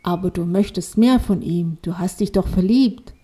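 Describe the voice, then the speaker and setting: A woman voicing a gentle mother who has been reborn as a glowing fairy snail. She speaks softly and reassuringly. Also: on the low side, normal speed, breathy edge. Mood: coaxing.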